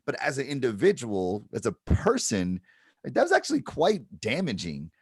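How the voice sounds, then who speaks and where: A man's voice: mid-range voice, huge pitch swings, normal speed, husky, no room sound. Reflective man, dry close sound. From Detroit, Michigan. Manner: reflective, explains with repeated "right?". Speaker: panelist, advertiser. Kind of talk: panel discussion.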